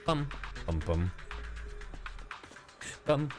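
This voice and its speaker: A man streams a video game with playful, profane commentary, humming to himself and sometimes reading text aloud. His medium-pitched voice is sing-song and extremely slow, with game music playing behind it.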